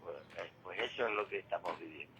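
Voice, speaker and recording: A male radio commentator on current affairs talks quickly in a low voice over a noisy background. His commentary is opinionated and conversational, emphatic and didactic, full of repeated points and rhetorical questions.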